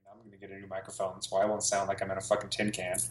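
A man's voice: deep voice, monotone, rapid-fire, roomy sound, over a noisy crowd. A laid-back, joking male podcast co-host whose voice sounds hollow, like inside a metal tank, recorded in a tiled room at home. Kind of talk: casual chat.

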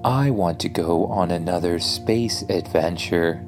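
A man's voice: low-pitched, measured pace, faint music behind. A man voicing an eager, matter-of-fact magic spaceship in a children's story, speaking in stiff statements.

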